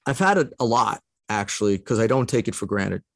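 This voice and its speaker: A man's voice: on the low side, expressive, brisk, creaky, a bit bright, no echo, clean studio sound. A middle-aged man sharing a heartfelt personal story as a podcast guest, earnest and emotional, laughing often.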